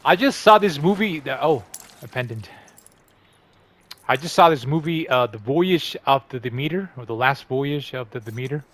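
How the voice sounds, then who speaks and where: A man's voice: medium pitch, lively intonation, normal speed, fairly bright tone. A man hosting a gaming channel, chatting upbeat and rambling over his gameplay. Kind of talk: casual gameplay commentary.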